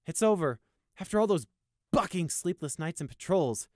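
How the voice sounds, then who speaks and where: A man voicing a brash, righteous male unicorn guard in an audiobook, cocky and quick to indignation. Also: high voice, expressive, a little mellow, no echo, clean studio sound, pitched above the performer's own voice.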